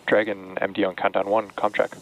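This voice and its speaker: A man's voice: fairly low pitch, little pitch movement, a little fast. A man speaking as a mission controller over radio, making clipped, procedural astronaut-style comm checks. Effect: radio transmission. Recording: noisy radio comms loop.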